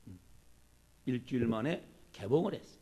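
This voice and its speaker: A man preaching a sermon as a pastor, animated and acting out the people he quotes. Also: medium pitch, normal speed, husky. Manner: animated, acts out quoted speech.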